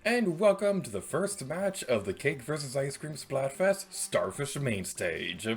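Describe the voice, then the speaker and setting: A man's voice: mid-range voice, a little slow, soft background music. A man hosting a Let's Play with casual, playful gameplay commentary. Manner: animated, playful.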